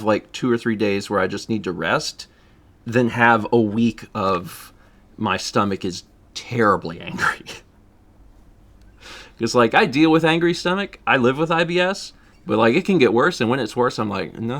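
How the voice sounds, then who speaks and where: A man's voice: medium pitch, fairly bright tone. A man chatting casually on his livestream, laughing often and reading out viewer donations. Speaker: streamer.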